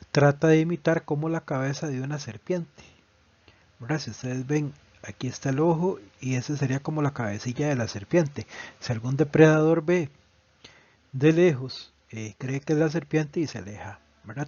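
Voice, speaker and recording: A man walks through a biology lesson patiently, often ending points with a checking question. His voice sits slightly high. The recording is dry and a bit dull and lo-fi. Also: a little mellow, no room sound. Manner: patient, explanatory, often asks a tag question. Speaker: biology teacher.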